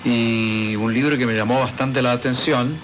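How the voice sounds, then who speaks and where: A man's voice: mid-range voice, fairly even intonation, moderate pace, background noise. A man hosting a radio talk show, interviewing a guest in a rambling, conversational way with many asides. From Chile.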